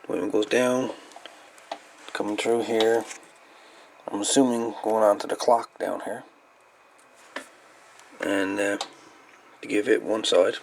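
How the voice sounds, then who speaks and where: Casual and matter-of-fact, a hobbyist radio repairer presents a hands-on repair off the cuff at his indoor workbench. His voice sits on the low side with vocal fry, and the clip is a noisy amateur camera recording.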